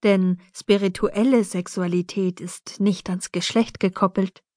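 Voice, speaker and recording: A woman's voice: mid-range voice, fairly even intonation, a little slow, darkish tone, no room sound, studio quality, close to an everyday voice. A woman voicing a frank, free-spirited mother who talks about intimacy in a breezy, matter-of-fact way, read in an audiobook.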